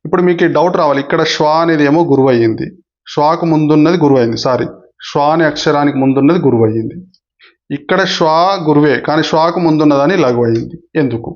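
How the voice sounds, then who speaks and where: A man's voice: a little high, fast, darkish tone, muffled recording. A man teaching a grammar lesson for exam candidates, who explains patiently, repeats the key points and addresses his viewers politely.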